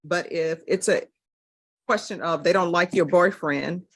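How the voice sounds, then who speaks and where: A woman presiding as judge in a courtroom recording, putting formal questions in a brisk, businesslike way. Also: on the low side, breathy edge. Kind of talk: formal plea hearing questioning.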